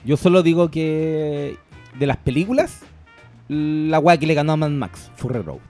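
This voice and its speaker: A man's voice: a little high, unhurried, mellow, soft background music. A man with a Chilean accent co-hosting a film podcast in casual chat, slangy and full of "cachai". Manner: slangy, peppers talk with "cachai". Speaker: podcast co-host.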